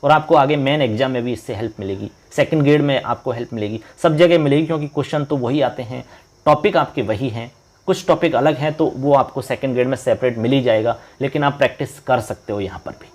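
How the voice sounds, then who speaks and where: A male exam-prep teacher from India, quizzing viewers through a model paper and reading out the answer options slowly. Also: mid-range voice, a little mellow. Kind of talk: online exam-prep lesson.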